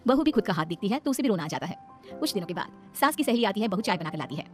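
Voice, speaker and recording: A woman narrating a cartoon moral story in rapid storybook style. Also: mid-range voice, sing-song, soft background music.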